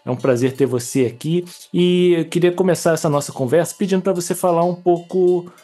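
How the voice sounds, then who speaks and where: A man's voice: high voice, fairly quick, warm tone, soft background music. A man co-hosting an interview over a video call, reading a guest's bio and then asking questions, hesitant and full of fillers. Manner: hesitant, with many fillers and restarts. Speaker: co-host.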